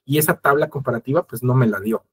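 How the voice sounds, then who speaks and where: A man leading an online training session, talking at a brisk clip. His voice has a husky, slightly rough edge. He explains each step directly to his viewers and slips into quoted dialogue to make his points. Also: mid-range voice. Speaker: webinar presenter. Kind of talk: instructional webinar talk.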